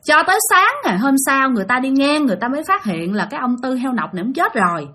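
A woman's voice: high voice, sing-song, fast, pushed and bright. A woman telling a ghost story in a chatty, casual way, speaking straight to her listeners. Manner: chatty, addresses listeners directly.

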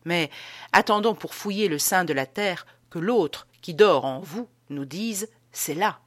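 A pompous gentleman lecturing his friends, stressing each point and pausing for rhetorical questions, read by a woman narrator. The voice sits fairly low and swings widely in pitch. The recording is dry and close. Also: expressive, no room sound. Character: pompous man lecturing on souls.

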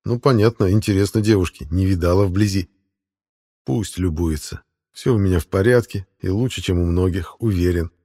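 A man narrating a first-person audiobook in a low, mellow, dark voice. His delivery is dry and sardonic, with deadpan asides. The tone stays even and unhurried.

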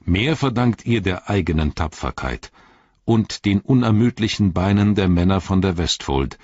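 A man voicing an ancient, wise wizard who speaks in a grave, measured, riddling way in an audiobook reading. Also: low-pitched, animated, a little mellow, no echo, dull audio. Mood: solemn.

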